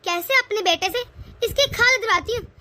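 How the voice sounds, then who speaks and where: A woman's voice: extremely high pitch, normal speed, sharp tone, no echo. A woman voicing a scheming, vengeful middle-aged mother-in-law in a cartoon, with taunting, spiteful muttering.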